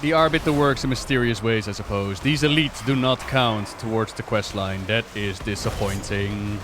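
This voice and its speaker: A man's voice: lowish voice, moderate pace, background noise. A man giving casual livestream game commentary, rambling and musing aloud in a playful way. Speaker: game streamer and lore commentator. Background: game music and effects.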